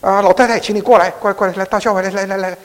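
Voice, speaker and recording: A man's voice: a little high, very animated, quick pace, pitched above the performer's own voice. A man voicing a kindly coaxing pastor. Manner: warm, coaxing invitations. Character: kind, caring male pastor. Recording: echoey hall.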